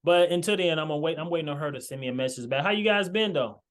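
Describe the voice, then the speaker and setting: Over a video call, a man hosts a marriage podcast, speaking earnestly in casual chat with many fillers and restarts. His voice is slightly high and his delivery rapid-fire.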